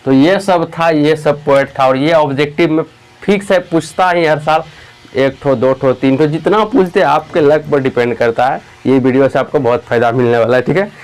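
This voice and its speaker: A man's voice: fairly high pitch, moderate pace. A young man teaching an exam-prep lesson, putting students' questions to himself and answering them, reassuring and casual.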